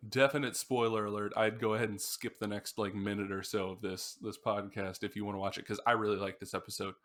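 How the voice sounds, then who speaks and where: Rambling, low-voiced male podcast host. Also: flat delivery, fast talker, fairly bright tone. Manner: rambling storyteller, acts out screams. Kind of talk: casual chat about music.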